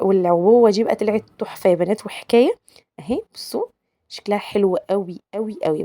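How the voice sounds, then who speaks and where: A woman's voice: mid-range voice, dark tone. A young woman with an Egyptian accent, chatting casually to her viewers as she shows her cooking and coaxes them to like the video. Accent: Egyptian Arabic. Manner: chatty, coaxing, addresses viewers as girls. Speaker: cooking channel host.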